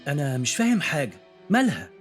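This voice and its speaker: A courteous young male lecturer in an Egyptian radio drama. He speaks calmly, with an Egyptian accent, his voice lively in tone and his talk fairly quick. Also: on the high side, soft background music. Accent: Egyptian Arabic. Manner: calm, courteous. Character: polite, calm young male lecturer, gently teasing. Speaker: new university teaching assistant.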